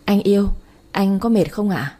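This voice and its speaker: A woman voicing a gentle, trusting young wife who speaks softly and pleadingly. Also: mid-range voice, normal speed, lightly acted. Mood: tender.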